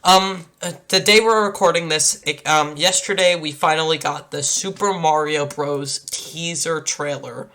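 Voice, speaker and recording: A young man with a bright, forceful voice hosts a casual chat podcast. His delivery is halting, with stammered starts as he works toward each point. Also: a little high, steady tone. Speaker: podcast host.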